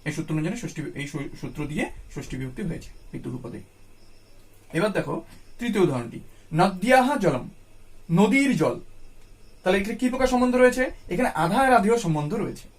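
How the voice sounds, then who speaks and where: A man's voice: high-pitched, expressive, a little fast. A man with a Bengali accent teaching a grammar lesson, who repeats each point patiently and asks questions before answering them himself. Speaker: Sanskrit teacher.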